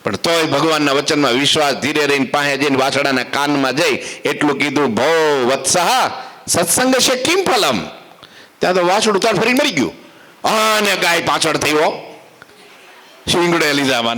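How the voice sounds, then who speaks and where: Bright-voiced preacher. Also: male voice, on the high side, brisk. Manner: animated, joking folk storyteller. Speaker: preacher at a temple assembly. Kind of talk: humorous storytelling sermon to children.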